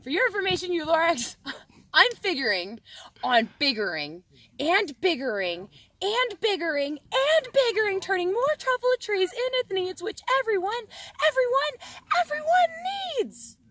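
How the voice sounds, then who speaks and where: A woman's voice: medium pitch, very animated, moderate pace. A greedy, defensive storybook businessman, played by a woman, brags and brushes others off. His brash rhyming lines are recited from memory. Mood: manic boasting. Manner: dismissive, boastful, reciting rhyme by rote.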